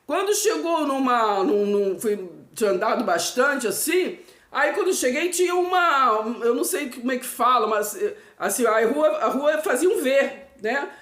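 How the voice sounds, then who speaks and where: A woman with a Brazilian accent telling a personal supernatural story in a halting, emotional way, full of restarts and nervous laughter. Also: high voice, expressive, a bit bright. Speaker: host of a live stream. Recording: echoey room.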